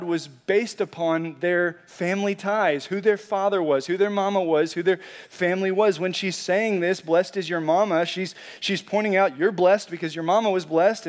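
High-voiced man preaching a casual sermon. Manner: conversational, animated preaching with filler "like". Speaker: pastor. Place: church sanctuary.

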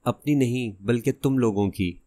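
A man voicing a cunning masked gunman in an audiobook who gives hushed, threatening orders. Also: medium pitch, natural voice. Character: menacing masked male gunman, cunning and cold.

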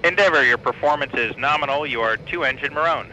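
A man's voice: mid-range voice, fast talker, a little hiss or hum. A man giving clipped technical call-outs as a communicator on mission control radio. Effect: radio transmission. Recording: dull radio link, loud roar.

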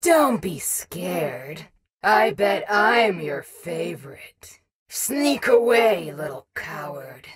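A woman's voice: mid-range voice, a bit bright, full character voice. A woman voicing a vain, competitive animatronic wolf rock star in a video game, boastful and taunting, with a menacing and insecure edge. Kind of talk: video game character voice acting.

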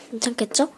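A woman's voice: on the high side, slightly rough. Chatty young woman making a craft tutorial. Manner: chatty, drops to soft whispers while working. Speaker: craft vlogger. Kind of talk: casual step-by-step craft tutorial.

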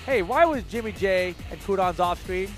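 A man's voice: sits high, expressive, moderate pace, faint music behind. A man commentating a fighting game tournament over a headset, joking and laughing a lot. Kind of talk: esports commentary.

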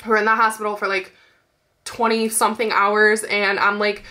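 A woman's voice: mid-range voice, flat delivery, normal speed, sharp tone. A young woman with a nasal, stuffy-sounding voice, gushing about makeup in a casual chatty video with lots of fillers. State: stuffy nose. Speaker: beauty vlogger. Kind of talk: casual chatty product review.

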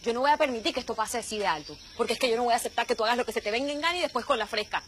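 A woman's voice: a little high, expressive, rapid-fire, a little hiss or hum. An actress playing a furious mother who scolds a man for taking her children out without permission, in a telenovela scene with music underneath. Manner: indignant, scolding, shouting. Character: furious mother hunting her runaway kids. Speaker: angry mother. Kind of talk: telenovela acting.

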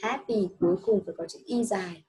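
A woman's voice: mid-range voice, brisk, mellow, a little hiss or hum, rough recording. A woman teaching a child English, patient and coaxing, repeating each answer back. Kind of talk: one-on-one children's English lesson.

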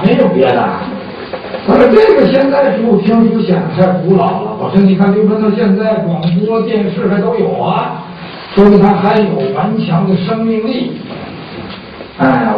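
High-pitched male pingshu storyteller in echoing hall. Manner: conversational, rhetorical questions, acts out short exchanges. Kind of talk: traditional Chinese pingshu storytelling performed live to an audience. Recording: roomy echoing hall, distant mic, dull sound, faint noise.

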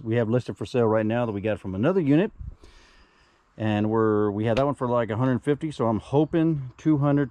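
A man's voice: medium pitch, dark tone. A man filming himself outdoors in a yard, going through items from a storage unit in a loose, rambling way with lots of fillers. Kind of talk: casual filmed walkthrough. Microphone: handheld camera, first-person view.

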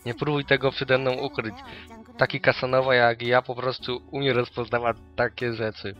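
A man's voice: mid-range voice, flat delivery, normal speed, muffled recording, soft background music, close to an everyday voice. A man voicing a cocky young classmate who teases and thinks himself a ladies' man. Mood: teasing.

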